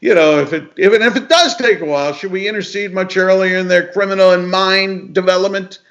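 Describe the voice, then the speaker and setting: Host, male, slightly high voice, curious and easygoing. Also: fairly quick, fairly bright tone, muffled recording. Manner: asks questions, laughs easily. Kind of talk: casual discussion.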